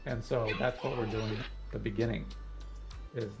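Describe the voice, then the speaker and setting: A man's voice: lowish voice, steady tone, moderate pace, over music. A man on a gaming livestream's voice chat, talkatively explaining game mechanics step by step in casual chat. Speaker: guest co-player on a livestream.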